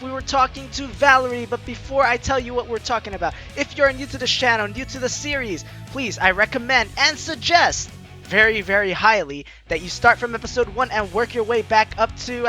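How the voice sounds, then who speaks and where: A young man hosts a let's play, speaking a little fast in an extremely high-pitched voice. Animated and playful, he comments casually and reads game dialogue aloud over game music.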